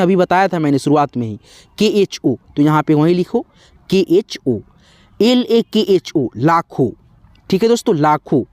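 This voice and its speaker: A man's voice: high-pitched, darkish tone, dry recording. A man teaching spelling to viewers in a patient, repetitive way, often calling them friends. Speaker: English teacher. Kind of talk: spelling lesson in Hindi.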